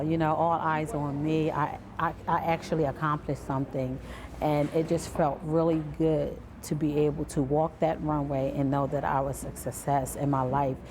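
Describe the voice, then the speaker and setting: A woman's voice: low-pitched, noisy background. A woman program honoree speaks effusively in an interview, repeating "I felt" as she talks. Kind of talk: interview answer.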